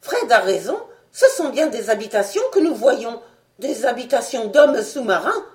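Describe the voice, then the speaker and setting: A woman voicing an excitable, commanding male scientist who gives loud, urgent exclamations in an audiobook. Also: fairly high pitch, normal speed, roomy sound, close to an everyday voice. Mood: alarmed.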